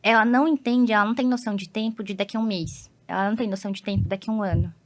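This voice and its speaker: A woman's voice: mid-range voice, fairly even intonation, rapid-fire. A woman psychologist with a Brazilian accent, patiently explaining things with everyday examples as a podcast guest.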